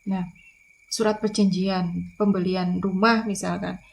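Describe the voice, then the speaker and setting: A woman's voice: on the low side, little pitch movement, slow pace, vocal fry, darkish tone, slight background noise. A woman lecturer, explaining in a recorded online lecture, repeating key points with frequent fillers.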